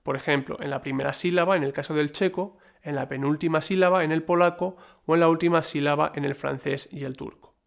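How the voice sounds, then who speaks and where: A man reading a scripted lesson in a measured, explanatory way, with the odd slip and filler. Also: fairly high pitch, steady tone, gravelly. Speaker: lecturer. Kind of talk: scripted educational narration.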